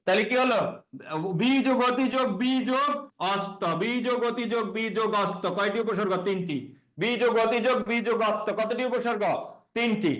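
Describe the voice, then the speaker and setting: উঁচু গলার শিক্ষক. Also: male voice, very high-pitched, steady tone, fairly quick, fairly bright tone, low-quality recording. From Bangladesh. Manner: repeats key words, quizzes students with questions. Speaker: teacher. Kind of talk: classroom grammar lesson.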